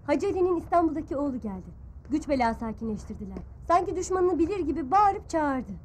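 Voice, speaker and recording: A woman's voice: sits high, expressive, a little fast. An actress playing a curious young woman chatting with her journalist friend. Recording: noisy background.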